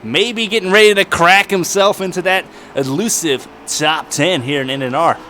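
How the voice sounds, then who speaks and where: A folksy, jokey man calls a sim race with a high, bright voice, slipping "I'll tell you what" into his play-by-play. A faint hiss of noise sits under the recording. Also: moderate pace. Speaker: sim racing commentator. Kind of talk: lively play-by-play commentary with banter.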